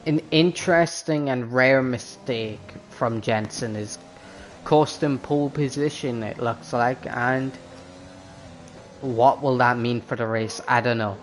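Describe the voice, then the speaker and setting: A man doing live motorsport race commentary as a commentator, excitable when the action picks up. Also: mid-range voice, takes it slowly, slight background noise.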